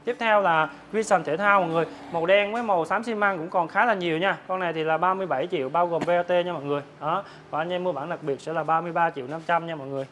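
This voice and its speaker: A man, a motorbike dealer, giving a hard-sell promotional sales pitch to viewers, repeatedly rattling off prices. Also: steady tone, racing, few pauses, a bit bright, slight background noise. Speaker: motorbike dealer presenting his stock. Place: large open-sided metal-roofed motorbike warehouse.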